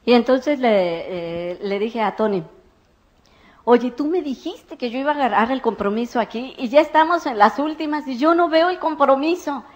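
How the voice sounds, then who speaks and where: A woman giving a motivational talk at a business convention, telling stories and acting out the dialogue. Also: fairly high pitch. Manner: animated storyteller acting out dialogue. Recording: muffled lo-fi recording.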